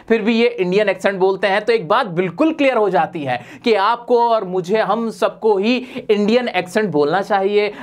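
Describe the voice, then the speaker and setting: In a lively online class on spoken English, a high-pitched male teacher drives his points home with emphasis and keeps aiming rhetorical questions directly at the audience.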